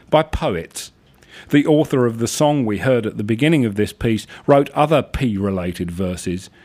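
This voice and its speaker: A man hosting a radio show, reading his own whimsical stories in a dry, droll manner, with hesitant asides between pieces. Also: medium pitch. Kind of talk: deadpan literary narration and reading.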